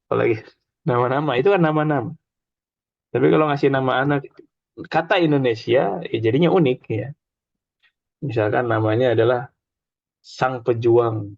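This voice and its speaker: A man's voice: mid-range voice, fairly quick, gravelly, long pauses, no echo. A man teaching an informal Arabic class, chatty, explaining with examples and having students repeat after him. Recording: dull lo-fi dry recording.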